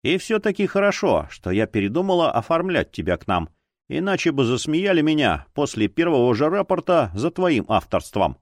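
In a close, dry audiobook recording, a male narrator plays a former police chief, now a grumpy older policewoman, who mocks, grumbles and scolds with dry sarcasm. She nags in a lowered, stretched-out voice, and the delivery is very animated.

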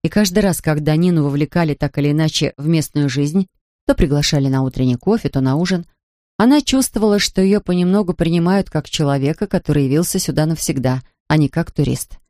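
An audiobook narrator reading a novel in a calm, even manner. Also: mid-range voice, a little fast, no room sound, studio quality. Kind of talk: scripted narration.

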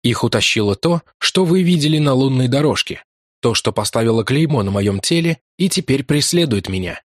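A haunted, grief-stricken explorer, put on by a male reader in a storybook reading. His voice rides noticeably higher than the narration and swings from urgent pleading to numb flatness. The sound is dry and close. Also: a little fast, no room sound, natural voice.

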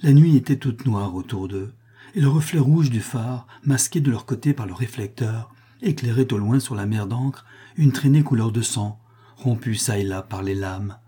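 A man reads a novel aloud in a measured, expressive way. His voice is husky and mellow, with a soft, dark tone. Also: medium pitch. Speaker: audiobook reader. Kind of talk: scripted narration of a novel.

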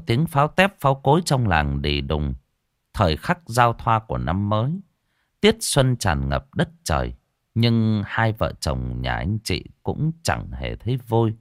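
A man narrating a ghost story in a dramatic style, dropping to a hush and then surging. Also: low-pitched, no echo, studio quality. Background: faint music.

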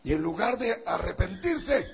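Raspy, shouting high-voiced preacher. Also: male voice, very animated, a little slow. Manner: alternates shouting and hushed, intense preaching. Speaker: pastor. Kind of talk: fiery sermon. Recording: dull reverberant hall recording.

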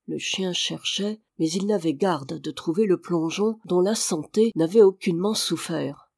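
A reader narrating a classic adventure novel in a measured, even storytelling voice. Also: mid-range voice, vocal fry, husky, no room sound. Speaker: audiobook reader. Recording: dry, close recording.

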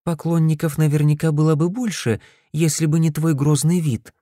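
A man's voice: fairly high pitch, steady tone, normal speed, warm tone, no room sound, clean studio sound, voice pushed up, lightly acted. A man playing a blunt, polite young woman. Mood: frank. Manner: direct, frank.

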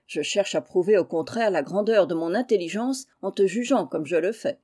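A woman's voice: fairly low pitch, normal speed, mellow, husky. Woman voicing a good-humored old military uncle, teasing. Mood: jovial. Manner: cheerful and teasing. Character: jovial old general, an uncle.

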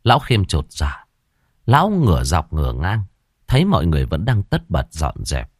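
A man narrating an audio story in an expressive storytelling manner. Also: sits low, moderate pace, dry recording, studio quality.

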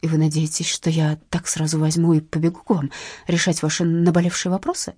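A woman voicing a sharp-tongued, defiant young heroine who answers bluntly and rudely in an audiobook. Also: sits low, level tone, fairly quick, breathy edge, no echo, studio quality. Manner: blunt, rude, irritable. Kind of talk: audiobook narration.

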